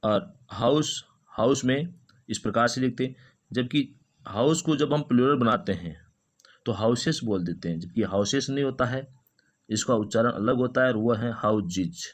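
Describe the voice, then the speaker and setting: Male teacher, patient drilling of pronunciation, repeats each word. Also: mid-range voice. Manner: repeats each word slowly several times. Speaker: English teacher. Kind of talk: phonetics lesson.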